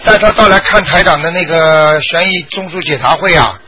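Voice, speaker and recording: A man hosting a radio call-in show, giving brisk, firm and reassuring answers to callers. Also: on the high side, over a noisy crowd. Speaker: radio advice host.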